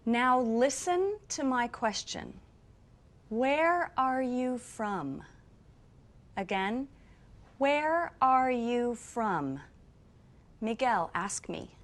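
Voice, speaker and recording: Slow, clear woman teaching English. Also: on the high side, animated. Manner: clear, drilled teacher delivery. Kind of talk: slow scripted English lesson.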